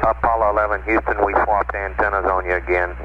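A man with a slightly low, flat voice relays procedural messages as a mission-control communicator. He sounds matter-of-fact over a muffled, narrow archival space radio transmission. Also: fast talker. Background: loud radio static and noise.

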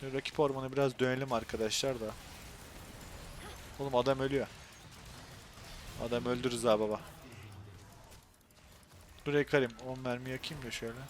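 A young man with a Turkish accent commentating his own gameplay on a live stream, excitable and quick to go from muttering to frustrated outbursts. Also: medium pitch, slight background noise.

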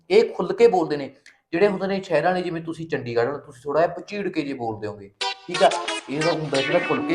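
A man's voice: fairly high pitch, close to an everyday voice. A man playing a young village husband in a comedy film, coaxing his new wife.

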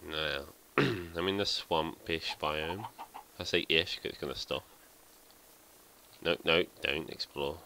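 Here the extremely deep yet bright, forward-voiced gamer speaks slowly and creakily over slight background noise. Casual and rambling, he thinks aloud and mocks himself like a let's play host addressing his audience.

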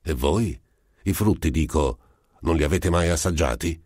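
A man's voice: a bass voice, lively intonation, normal speed, darkish tone, slightly rough, no room sound, studio quality, full character voice. A man voicing an earnest country priest who argues brusquely and fervently in defense of his faith, in an audiobook story. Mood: indignant. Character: old country priest, earnest, flustered and pious.

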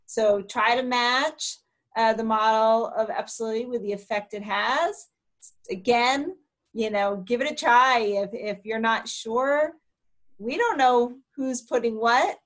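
A woman hosting an online talk on a video call, reading poll questions aloud and encouraging people to try. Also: a little high. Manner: friendly, encouraging, reads poll options aloud. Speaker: webinar host.

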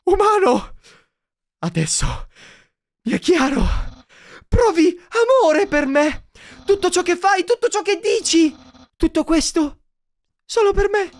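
A man doing Papyrus, a shouting boastful skeleton. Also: very high-pitched, big pitch swings, slow, pauses often, pitched above the performer's own voice, heavily acted. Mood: grandiose. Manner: grandiose, theatrical, shouting. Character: boastful tall male skeleton, loud and proud.

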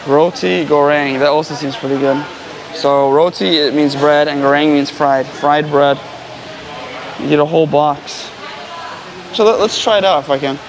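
His voice sits on the high side, with fairly even intonation and a moderate pace. The American man is a travel vlogger chatting casually about local words and food while traffic and street noise fill the busy city street around him.

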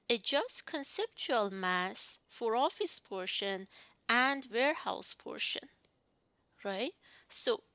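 A young adult woman recording a software tutorial at her desk, talking slowly through each step and checking her own work as she goes. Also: medium pitch, no echo. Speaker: instructor.

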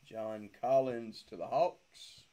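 Break host, male, mid-pitched, names each card as it is pulled. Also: slow, dark tone. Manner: reads out player names, joking asides. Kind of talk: live card-opening commentary.

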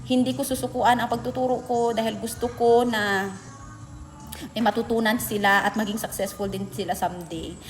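A woman's voice: on the high side, steady tone, moderate pace, big-room sound, faint music behind. A young Filipina teacher in a chatty, emotional way telling a classroom story, switching between Tagalog and Bisaya. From Philippines. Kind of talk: casual storytelling vlog.

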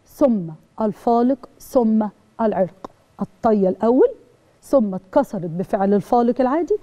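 A woman's voice: a little high, warm tone, lo-fi sound. A woman teacher with an Egyptian accent giving an exam review lesson, repeating definitions and asking and answering her own questions. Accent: Egyptian Arabic.

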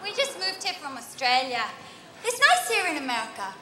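A woman's voice: very animated, brisk, pushed and bright, echoey room, recorded from a distance, a little hiss or hum, full character voice. A woman playing a chatty six-year-old girl in a comedy sketch, childish and bickering. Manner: high childish sing-song, bickering.

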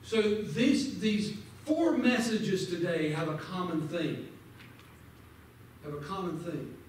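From the front of a large indoor church sanctuary, a Sunday school teacher delivers a Bible lesson slowly in a high, fervent voice, quoting scripture and pressing his listeners. Captured by a camera far back among the pews, the sound is heavily echoey over a faint hiss of room noise.

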